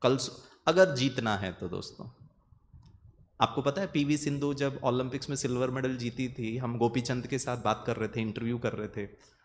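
A man's voice: mid-range voice, normal speed, slight background noise. A man giving an earnest motivational talk on meditation and the mind to an audience. He often repeats phrases and slips English words into his speech. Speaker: meditation speaker.

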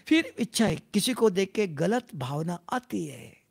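Spiritual teacher, devotional class talk, middle pitch with a gravelly edge, repetitive and questioning. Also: sing-song, unhurried. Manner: repetitive, keeps asking the listeners questions.

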